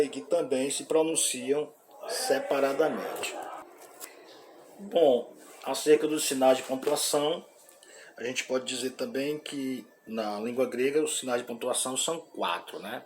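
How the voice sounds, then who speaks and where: A man's voice: medium pitch, darkish tone, slight background noise. Man teaching Greek with a Brazilian accent. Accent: Brazilian Portuguese. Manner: frequent "né?" tag questions and hesitant fillers. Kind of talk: informal classroom lecture.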